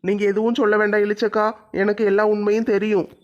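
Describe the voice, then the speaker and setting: A village headman, voiced by a performer speaks firmly, scolding and reassuring in turn. His voice sits at a middle pitch, and the recording sounds dull and lo-fi. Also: little pitch movement, fast, close to an everyday voice. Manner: commanding, scolding then reassuring. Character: stern but kind village headman, older man.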